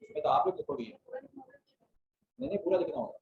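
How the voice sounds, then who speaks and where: A man's voice: sits high, wildly swooping pitch, a little fast, gravelly. A man teaching an Arabic grammar class, quizzing students and often checking "theek hai?". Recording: roomy, muffled classroom audio from a distant mic.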